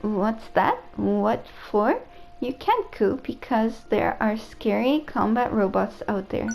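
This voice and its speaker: A woman's voice: a little high, animated, takes it slowly, gravelly, a little mellow, faint music behind, full character voice, poor audio. A woman reading as a fretful robot AI caretaker. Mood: earnest. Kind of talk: reading game dialogue aloud.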